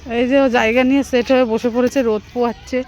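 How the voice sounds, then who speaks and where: A woman in her thirties from West Bengal chats away on a casual vlog, narrating as she walks with friends by a lake and films on a handheld phone. Her voice sits a little high with a steady tone, fast and slightly mellow, and the sound is lo-fi.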